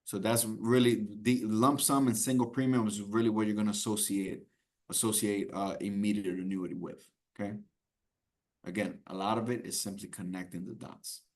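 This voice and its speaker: A man with a lowish voice teaches a roomful of students in a loose, conversational lecture. He keeps checking in with quick "right?" and "okay?" tags and circles back to repeat the main point. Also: little pitch movement. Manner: repeats key points to drive them home. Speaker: instructor. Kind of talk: classroom exam-prep lecture.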